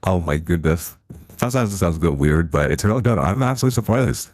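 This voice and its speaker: A man streaming a game through a deep pitch-shifting voice changer, chatting casually and reacting aloud to what happens on screen. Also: lively intonation, fairly quick, darkish tone, dry recording, clean studio sound. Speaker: live streamer. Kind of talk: casual gameplay commentary.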